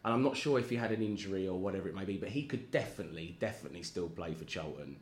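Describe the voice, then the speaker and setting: A man's voice: low voice, expressive, racing, slight background noise. A man in casual chat as a guest, rambling and self-deprecating, often laughing at himself. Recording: echoey room with faint ambience.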